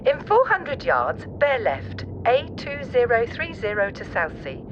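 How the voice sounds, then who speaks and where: A woman voicing a calm, precise female car navigation computer with a smooth, even, machine-like delivery, cool and literal. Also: on the high side, a little slow, highs cut off, background noise. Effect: smooth, even machine-like device voice.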